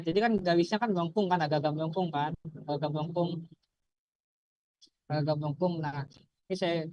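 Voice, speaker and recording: A man's voice: high-pitched, a little mellow, no echo, muffled recording. A young man with an Indonesian accent and a speech impediment on his R, tutoring informally, repeating himself and checking with rhetorical questions. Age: young adult. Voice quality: slurred R, a speech impediment on the R sound. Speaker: student tutor. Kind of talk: informal maths-heavy tutoring explanation.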